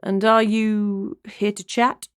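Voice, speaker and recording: A woman's voice: medium pitch, little pitch movement, takes it slowly, clear, resonant tone, no room sound, studio quality, close to an everyday voice. A woman voicing an easygoing, flirtatious male police detective in a cozy mystery audiobook.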